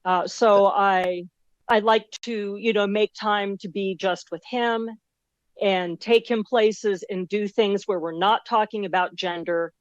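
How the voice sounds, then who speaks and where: An older woman, a grandmother guest, talking gently and measured about her own family. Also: medium pitch, steady tone, no echo, dull audio. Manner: gentle, measured, many soft "um"s and "mm"s. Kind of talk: calm personal account.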